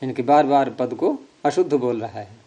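Mellow patient male grammar teacher. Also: medium pitch, expressive, moderate pace, lo-fi sound. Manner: patient, repeats and quizzes students with questions; gently teasing, chuckles. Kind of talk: classroom grammar lecture.

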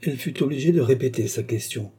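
A man reading a nineteenth-century short story aloud in a measured, expressive narration. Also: mid-range voice, breathy edge. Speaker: audiobook narrator. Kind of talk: scripted literary narration.

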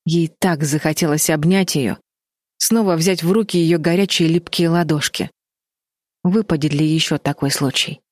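A woman reading a children's story aloud as narrator, with even storytelling. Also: deep voice, normal speed, no room sound, studio quality. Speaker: audiobook narrator. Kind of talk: scripted narration.

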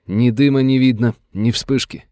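A man's voice: mid-range voice, steady tone, moderate pace, dark tone, no echo, studio quality, pitched above the performer's own voice, natural voice. A man playing a young deputy who talks in a tense, urgent way, nervous but brave.

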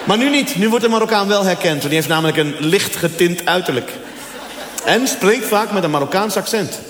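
A man's voice: high voice, brisk, fairly bright tone, some chatter behind. A man doing a stand-up comedy routine on stage, telling a story and acting out the dialogue with changing voices. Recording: echoey hall, audience laughter.

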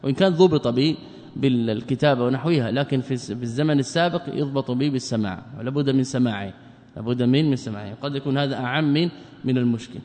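A man's voice: mid-range voice, fast talker, darkish tone. A man teaching a classical book in a lecture, often asking rhetorical questions and repeating phrases. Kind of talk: lecture explaining a text. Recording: long hall reverb.

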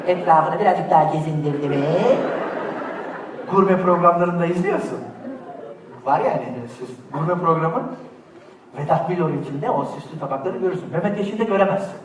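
A man performing animated stand-up comedy, slipping into mock voices and shouts, heard on a bootleg recording from a large theater audience. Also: a little high, normal speed. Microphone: bootleg recording from the audience, far from the stage. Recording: echoey, distant bootleg theater recording with crowd noise.

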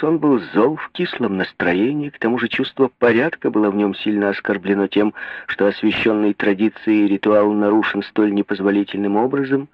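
A man narrating a novel as an audiobook in a measured, expressive way. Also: mid-range voice, no room sound, muffled recording.

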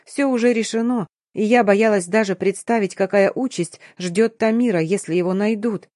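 A woman reading a first-person audiobook in a measured, even storytelling manner. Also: mid-range voice, no echo, studio quality. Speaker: audiobook narrator.

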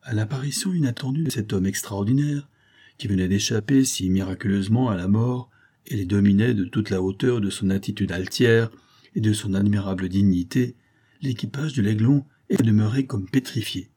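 A man reading a classic adventure novel aloud as an audiobook narrator, in a measured, dramatic way. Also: on the low side, mellow, slightly rough.

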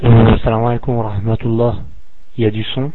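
A man calls in with a question and halts often, filling the gaps with hesitations. His voice sits at a middle pitch. It comes through a dry, narrow, phone-like line. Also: flat delivery, fairly quick, husky, no room sound. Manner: hesitant, many filler sounds. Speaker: caller asking a question.

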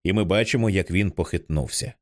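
A man narrating an audiobook in an expressive reading style, changing his voice for the characters. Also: low-pitched, fairly quick. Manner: expressive, acts out many characters. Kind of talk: scripted narration.

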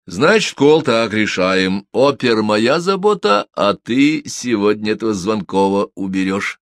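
Man voicing a gravelly gang boss in an audiobook, slow, threatening, dry close sound. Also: fairly low pitch, animated, no room sound. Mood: menacing. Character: menacing middle-aged male gang boss.

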